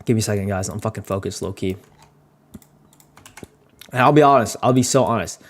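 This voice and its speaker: This young video creator streams his editing session and talks a little fast. He rambles, mocks himself, swears now and then and laughs frequently, with his voice rising in pitch and volume whenever he launches into a story.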